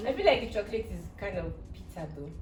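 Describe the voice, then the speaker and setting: A woman's voice: medium pitch, sing-song, fast, faint music behind. A woman from Nigeria tasting sweets in casual chat, bluntly and dramatically complaining about them. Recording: echoey room, distant mic, background noise.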